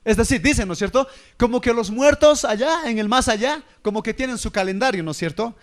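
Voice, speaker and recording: A man's voice: extremely high pitch, lively intonation, a little fast. A man, preaching a sermon and firing rhetorical questions at his listeners. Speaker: pastor.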